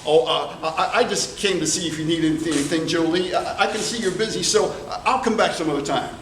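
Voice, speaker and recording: A man's voice: a little high, a little fast, natural voice. A man voicing a bashful, smitten trapper from a tall tale, with singsong calls and shy stammering. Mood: flustered. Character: bashful, smitten male trapper calling on his sweetheart. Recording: distant, echoey room with background noise.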